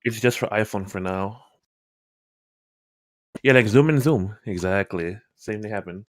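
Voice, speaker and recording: A man hosting a live trading stream, talking in an excitable, chatty way. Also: fairly low pitch, a little slow, no room sound, studio quality. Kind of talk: casual chat on a live stream.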